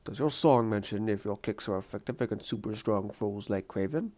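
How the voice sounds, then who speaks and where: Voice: medium pitch, brisk, a little mellow, close to an everyday voice. A performer voicing a pompous, menacing male supervillain hunter in a comic dub, speaking in a grandiose, formal, haughty way. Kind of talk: theatrical comic-book villain dub.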